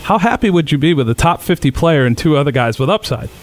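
A man's voice: fairly high pitch, expressive, quick pace. A man from Rhode Island, co-hosting a casual sports podcast chat, making his case by stacking up points. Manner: building lists of points. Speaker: podcast co-host.

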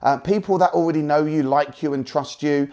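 A man's voice: fairly high pitch, fairly quick, mellow. Motivational British man with an Essex accent. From Essex, England. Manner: emphatic, salesy, repeats key points for effect. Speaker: property investment trainer. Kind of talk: motivational teaching presentation with personal anecdotes.

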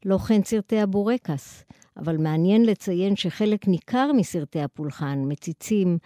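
A woman with an Israeli accent delivers a scripted academic lecture in a formal, articulate manner, in long measured sentences. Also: mid-range voice, expressive, dark tone, no echo, clean studio sound.

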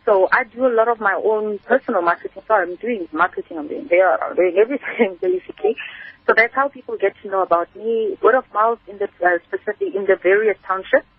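A radio interview guest from Kimberley, South Africa, who runs a spice business, talks at a quick pace in a mid-range, slightly rough voice with no room sound. Heard over a narrow phone line, she explains things at length in a chatty, storytelling way.

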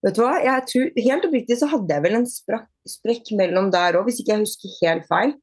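A woman being interviewed on a podcast, chatting casually, with many fillers and restarts and lively retold dialogue. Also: medium pitch, no echo. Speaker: podcast guest, bodyfitness athlete.

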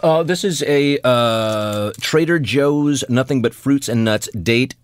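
A man's voice: mid-range voice, slow, clean tone. A man co-hosting a radio show, bantering casually in a wry, self-mocking, joking way from a radio studio.

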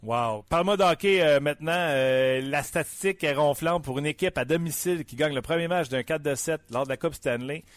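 A man's voice: a little high, brisk, hardly any pauses, no echo. A man with a Quebec French accent hosting a sports radio show, asking questions with fillers and stammers. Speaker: radio host.

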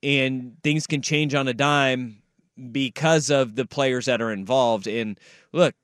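A man's voice: mid-range voice, fairly even intonation, slow pace, a bit bright, clear, resonant tone, no echo, studio quality. A man hosting a casual sports talk radio show, conversational and given to repeating phrases for emphasis. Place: radio studio.

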